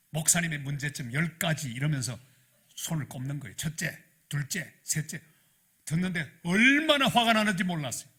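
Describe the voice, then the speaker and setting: A middle-aged man preaches a sermon, telling his story with lively, animated delivery that swells into loud emphasis. His voice is husky and bright, sitting a little high for a man. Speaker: pastor.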